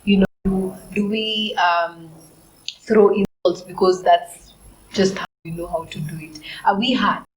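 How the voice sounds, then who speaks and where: A woman's voice: mid-range voice, fairly even intonation, a little slow, faint music behind, low-quality recording. Reflective Kenyan woman on a church panel. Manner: reflective, asks searching questions.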